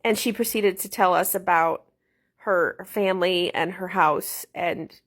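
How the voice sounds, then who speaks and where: A homeschooling mother calmly telling a story about her youngest child. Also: on the low side, a little slow. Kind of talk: casual storytelling to camera.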